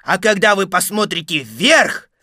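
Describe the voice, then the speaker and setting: A woman voicing a simple, good-natured male toy bear who talks slowly and earnestly, a little proud of what he knows. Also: medium pitch, lively intonation, pushed and bright, no room sound, studio quality, pitched below the performer's own voice. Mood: knowing.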